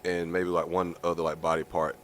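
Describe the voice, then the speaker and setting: A man's voice: deep voice, brisk, slight background noise. A man co-hosting a podcast in casual, slangy chat, telling stories loosely. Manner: animated, slangy, loose storytelling. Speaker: podcast co-host.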